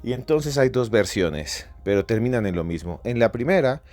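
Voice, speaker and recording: A man hosting a podcast, telling a story with theatrical, repetitive build-ups that swell to near-shouting. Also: mid-range voice, lively intonation, moderate pace. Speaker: podcast host. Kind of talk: dramatic storytelling narration.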